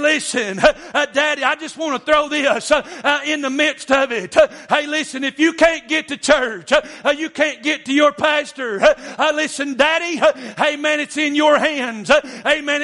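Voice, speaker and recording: A man preaching a sermon, stammering and filling his pauses with "uh" and "amen". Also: extremely high pitch, pushed and bright. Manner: stammering, punctuated by frequent amens.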